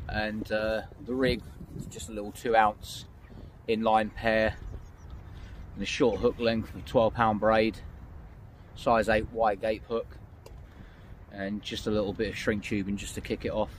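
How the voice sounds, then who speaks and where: A man vlogging from a windy lakeside, talking to camera in a chatty, matter-of-fact way as he fishes. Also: on the low side. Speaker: angling vlogger. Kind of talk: outdoor fishing vlog narration. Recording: outdoor mic with faint wind noise.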